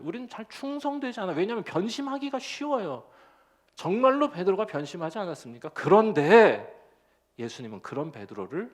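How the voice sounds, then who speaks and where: A male pastor delivering a sermon in a playful, personal way, laughing at his own jokes and speaking straight to the congregation. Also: sits high.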